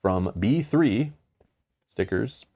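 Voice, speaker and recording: Low-voiced man running a board game. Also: expressive, drawn-out words, dark tone. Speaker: player reading out game rules and story. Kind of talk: casual board game playthrough chat.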